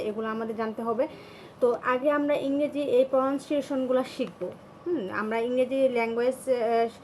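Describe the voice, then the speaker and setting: A woman teaching English pronunciation in a casual video lesson, speaking hesitantly with many fillers and reading letters slowly and carefully. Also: sits high, a little mellow, slight background noise.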